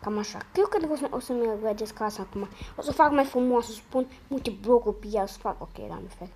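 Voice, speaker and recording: A hoarse woman chats her way through a game, her voice sitting a little high. She drifts from mumbled asides to excited yelps, peppering her talk with slang. A faint hiss runs underneath. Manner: excitable, slangy, sudden loud outbursts and muttered asides. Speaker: gamer. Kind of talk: casual gameplay commentary.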